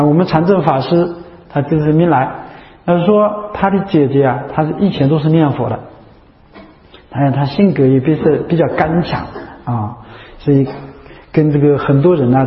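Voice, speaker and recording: A man, a Buddhist monk, giving a chatty, repetitive dharma talk full of rhetorical questions. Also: fairly high pitch. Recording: echoey hall, dull lo-fi sound.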